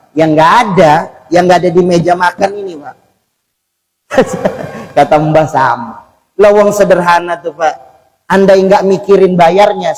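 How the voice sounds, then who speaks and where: A man preaches in a mosque, his voice sitting a little high. He talks to the congregation like a neighbor, dropping into soft asides and then rising into loud, emphatic bursts. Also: low-quality recording. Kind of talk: mosque sermon.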